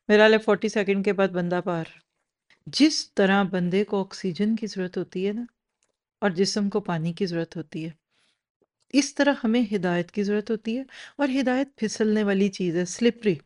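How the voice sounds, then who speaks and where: A woman delivering a Quran lesson in a lively teaching manner. She keeps turning to her listeners with rhetorical questions. Her voice sits at an ordinary middle pitch for a woman. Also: moderate pace. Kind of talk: religious lecture.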